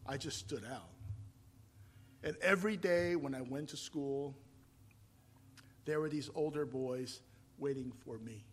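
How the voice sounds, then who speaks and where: A Taiwanese man in his fifties delivers a sermon woven with personal testimony, swinging from loud, emphatic declarations to quiet, reflective storytelling. His mid-range voice carries a breathy edge, and he speaks at a measured pace with long pauses.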